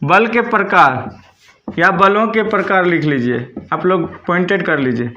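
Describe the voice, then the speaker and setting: A man's voice: high voice, a little slow, pushed and bright, lo-fi sound, slight background noise. A man teaching a school physics lesson, dictating notes and repeating key terms back as questions for his students.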